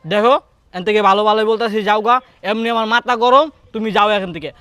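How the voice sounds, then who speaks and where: A man performs a greedy office manager in a short drama, his scornful delivery both sneering and threatening, and his mood contemptuous. The quick, high, bright voice holds a steady, smooth tone, captured close and dry without echo.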